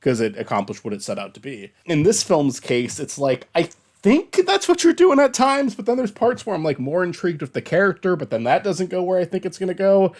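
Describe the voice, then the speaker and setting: A man's voice: sits high, lively intonation, a little fast, few pauses, a little mellow. Rambling man in his thirties. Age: 30s. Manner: rambling, laughs often, many restarts and fillers. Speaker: podcast co-host. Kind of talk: casual movie review chat.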